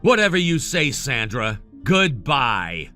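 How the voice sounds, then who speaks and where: An actor playing an arrogant young medical-student brother in a family drama, talking in a condescending, cutting and dismissive way. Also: male voice, mid-range voice, very animated, takes it slowly, sharp tone, soft background music, heavily acted. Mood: curt, cold. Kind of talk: dramatized family-conflict story dialogue.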